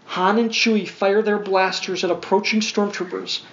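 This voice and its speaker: A man whose voice sits high and a bit bright reads a storybook to his young son at a moderate pace with little pitch movement, adding casual, wry asides. Faint background noise accompanies the dull, lo-fi sound.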